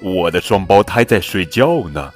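Serious dad tiger in a picture book, a guy reading it, low n emphatic. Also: animated, moderate pace, faint music behind. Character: protective father tiger, serious.

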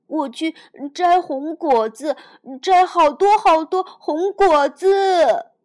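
A woman's voice: high voice, slow. A woman voicing a crying, frightened little boy dinosaur who stammers through sobs. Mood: earnest. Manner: sobbing, stammering.

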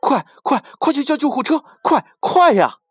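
Man doing a shrill little storybook rabbit. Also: big pitch swings, slow pace, no room sound, studio quality, full character voice. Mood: pleading. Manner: high-pitched, urgent and loud.

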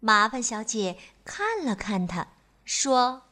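A woman telling a story to young children, expressive and playful, with chatty asides to the listener. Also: fairly high pitch, takes it slowly.

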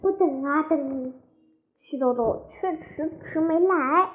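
Woman storyteller, high bright childlike delivery, lively storybook narration, dull lo-fi sound. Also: takes it slowly.

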